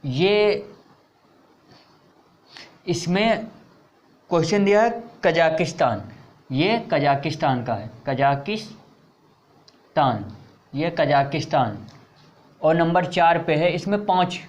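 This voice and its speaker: A man with a high, light voice leads an exam-prep lesson at an unhurried pace. He spells out the answer choices one word at a time. He repeats each key term again and again, sinking lower on each repeat. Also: animated, lo-fi sound. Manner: repeats key words several times, dropping low on them; reads out options slowly, word by word. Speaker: exam coaching teacher.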